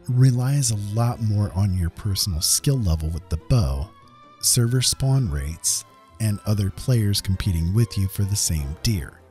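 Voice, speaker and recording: A video game content creator hosts a video, narrating his script as a voice-over on game footage in a casual, conversational way with emphatic touches. His voice is fairly low and warm with a breathy edge. Faint music plays in the background.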